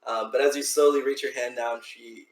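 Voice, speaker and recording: A man's voice: mid-range voice, steady tone, brisk, reverberant, noisy background. A man narrating as game master of a tabletop game, rambling loosely with many restarts.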